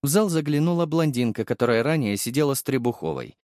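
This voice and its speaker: A man narrating a first-person audiobook with expressive, wry storytelling. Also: medium pitch, fast talker, no room sound, clean studio sound.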